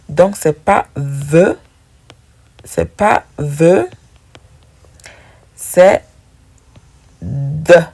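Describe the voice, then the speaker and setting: Slow, gravelly-voiced woman teaching pronunciation. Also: low-pitched, dark tone. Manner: slow, patient, repeating sounds for drilling. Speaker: English teacher. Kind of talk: pronunciation lesson.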